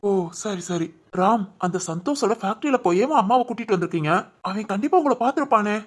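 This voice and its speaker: A woman's voice: medium pitch, expressive, quick pace. A woman voicing the members of a homemade family drama in an emotional, conversational way.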